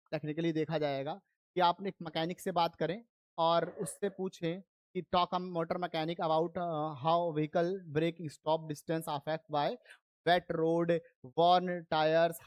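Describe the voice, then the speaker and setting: This online physics class is led by a science teacher whose fairly high voice has a darkish tone, captured in a dry recording. He walks through each step, often checks that students are with him, and moves back and forth between Hindi and English terminology.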